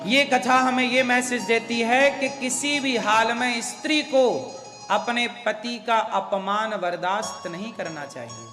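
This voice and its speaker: High-voiced man preaching in an echoey hall. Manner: emphatic, questions the audience. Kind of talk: devotional sermon. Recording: echoey hall with long reverb.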